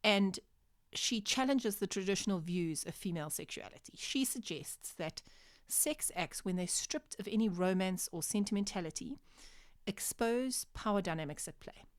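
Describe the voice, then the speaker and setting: A woman giving a literature lecture to her students, explaining clearly with measured pauses for emphasis. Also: medium pitch, animated, no echo, clean studio sound.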